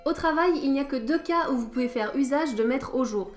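A woman's voice: high-pitched, fairly quick, soft background music. A woman hosting a scripted podcast lesson, with a wry, playful teacher's tone. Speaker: podcast host.

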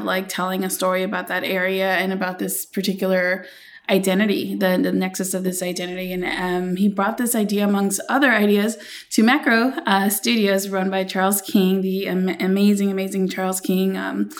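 A woman who grew up in Los Angeles, appearing as a writer guest on an interview podcast. She tells her story in an animated, rambling way, full of "um," "like," and quick restarts. Her voice sits at an everyday middle pitch. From Los Angeles, USA. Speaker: guest, screenwriter.

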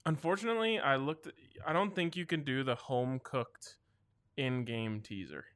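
A man's voice: mid-range voice, moderate pace, fairly bright tone, smooth. A man hosting a sports betting show in a casual, conversational style.

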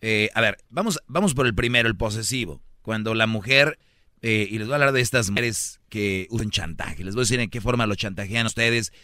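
A Mexican Spanish-accented man hosts a radio advice show in a lower register with a forceful, bright tone. He lectures with jokes, slipping into mocking impressions of the people he describes. The sound is dry and close. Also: fairly quick, no room sound. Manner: lecturing and joking, mimics other people's voices. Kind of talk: comedic advice talk with callers.

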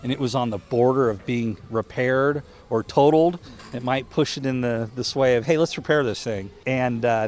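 A man who is a police sergeant, casually retelling a story in an interview, halting and reflective. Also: mid-range voice, a little mellow, a little hiss or hum.

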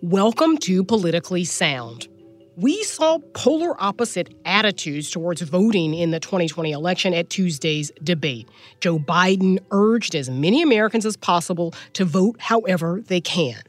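A woman's voice: on the low side, animated, moderate pace, no room sound. A woman co-hosting a political news podcast as a reporter, conversational, slightly stuffed up from a head cold. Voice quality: slightly stuffy, congested nose. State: getting over a head cold.

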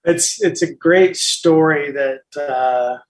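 A man, an author and interview guest, telling a story in a casual, animated way with frequent restarts and bits of quoted dialogue. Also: fairly high pitch, takes it slowly, poor audio.

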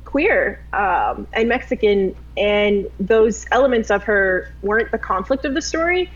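A woman from Tennessee, a filmmaker on a panel, speaking earnestly and in a measured way. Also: mid-range voice, very animated. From Tennessee, USA. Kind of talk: panel discussion answer. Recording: slightly dull lo-fi audio.

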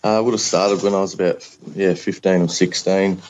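Aussie working bloke in his 30s, real low voice, laid-back and colloquial, just telling a yarn. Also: little pitch movement, a little fast, a little mellow, lo-fi sound, slight background noise. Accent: Australian. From Australia. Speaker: podcast guest. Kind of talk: casual first-person storytelling.

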